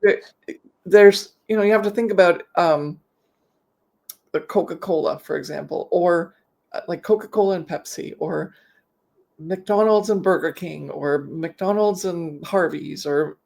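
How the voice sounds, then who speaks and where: A woman's voice: on the low side, measured pace, creaky, darkish tone. A middle-aged woman with a slight lisp from wearing a mouthguard, chatting casually and explaining with rambling, self-correcting examples as a business coach. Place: home office, on a video call.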